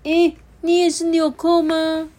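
A woman voicing a lonely little red button in a children's story, high and childlike. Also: monotone, a little slow, mellow. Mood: eager.

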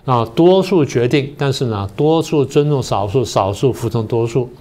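A man's voice: medium pitch, dark tone. Older man lecturing step by step. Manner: methodical, explains step by step with many pauses. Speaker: political science professor, guest. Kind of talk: lecturing on a talk show.

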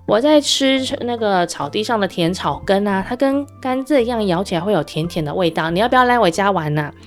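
A woman's voice: mid-range voice, animated, fairly quick, soft background music, lightly acted. A woman voicing a friendly, playful little pig in a children's storybook tale, cheerful and coaxing.

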